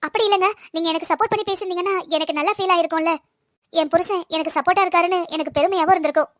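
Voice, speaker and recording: A young cartoon wife, voiced by a woman, proud and hurt, pressing her husband with pointed questions. The voice is very high and fast, dry and close. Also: steady tone, no room sound. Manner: pointed, reproachful. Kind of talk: cartoon voice acting.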